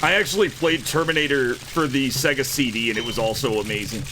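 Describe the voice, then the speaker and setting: A man streaming live, commenting animatedly on an educational game, laughing and shouting at characters. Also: mid-range voice, fairly quick, noisy background.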